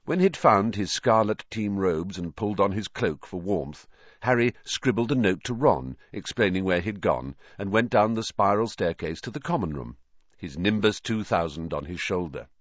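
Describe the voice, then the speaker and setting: Deep, expressive male audiobook narrator. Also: moderate pace, no room sound, highs cut off. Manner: expressive, voices the characters. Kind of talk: scripted narration.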